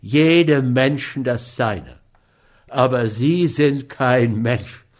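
Reading an audiobook in a mid-range, near-everyday voice, a man slowly voices a hot-tempered, commanding character. The delivery is stern, forceful and threatening as the character bullies and makes threats.

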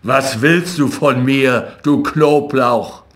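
A man's voice: medium pitch, lively intonation. A man doing a bitter old coffin maker. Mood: furious. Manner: slow, growled outbursts.

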